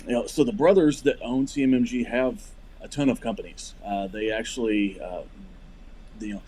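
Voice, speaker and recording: A man in his forties from Missouri, a podcast guest talking in halting casual chat with many restarts. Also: mid-range voice, dark tone, husky. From Missouri, USA. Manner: hesitant, many fillers and restarts. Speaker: podcast guest, firearms company rep.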